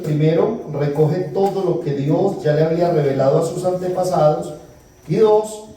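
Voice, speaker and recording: Priest giving a retreat talk, dark mellow voice, storytelling with little jokes, echoey hall, mic a bit far off. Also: male voice, on the high side. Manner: storytelling, acting out dialogue with humor. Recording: echoey hall, distant mic, faint noise.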